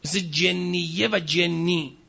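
A man preaching a scripture lecture. He recites verses slowly, then explains them in plain speech and asks the audience questions that he answers himself. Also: sits high, steady tone, gravelly, bright, forceful tone, husky, dull audio. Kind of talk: Quranic exegesis lecture.

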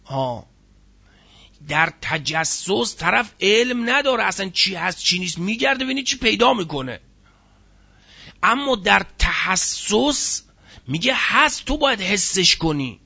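The Quran teacher sounds very animated here: high, creaky, sharp, and a little rough, with the highs cut off. In his lecture on Quranic terms, he explains each one, stresses the important words, and asks listeners rhetorical questions.

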